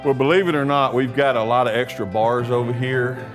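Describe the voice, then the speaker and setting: A man, a high school coach, talking plainly about his school's weight room in a documentary. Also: steady tone, a little fast. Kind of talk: documentary interview and walkthrough. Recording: background music under the voice.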